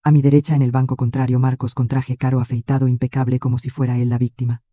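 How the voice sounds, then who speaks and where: A man reading a scripted first-person drama story in a flat, measured way. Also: medium pitch, no echo, clean studio sound. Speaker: narrator.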